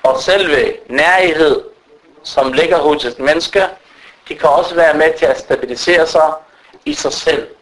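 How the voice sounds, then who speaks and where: A man's voice: fairly high pitch, a bit bright, rough recording. A man preaching an unscripted religious lecture to a gathering, talking directly to his listeners with frequent fillers and restarts. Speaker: Islamic preacher.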